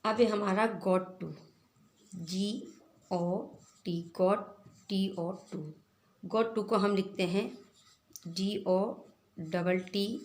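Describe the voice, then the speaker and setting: A woman teacher giving a slow English lesson, spelling each word letter by letter and often checking "clear?". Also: mid-range voice. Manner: spells words letter by letter, keeps asking "clear?".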